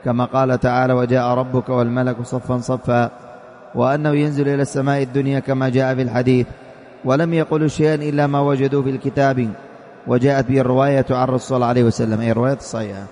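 A man's voice: mid-range voice, flat delivery, very fast, a little mellow, in a large hall. A man teaching a religious class, reading from a classical text, explaining it, quizzing his students and repeating key points.

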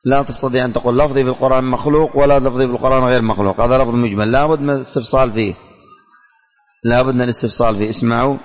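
A male religious teacher leads a classroom lesson, reading out each line slowly so students can write it down and asking them questions again and again. His voice stays even, with little rise and fall, and it rings out with a long reverb as if in a large hall. Faint music sits underneath. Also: medium pitch. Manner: slow and deliberate, repeating lines for students to write down; quizzes students with repeated questions. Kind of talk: classroom lesson dictating and explaining verses.

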